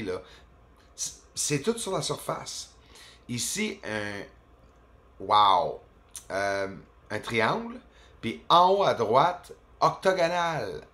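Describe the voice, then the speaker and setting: A man whose native language is English, speaking French with a Quebec accent as a channel host, giving casual, animated commentary over video footage. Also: medium pitch. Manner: animated, exclaiming, chatty, peppered with filler words.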